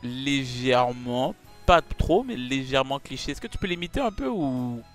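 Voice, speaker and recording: A man hosting a comedy chat, pleading and insistent, swinging from mumbles to shouts. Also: medium pitch, very animated, moderate pace, soft background music. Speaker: YouTuber host.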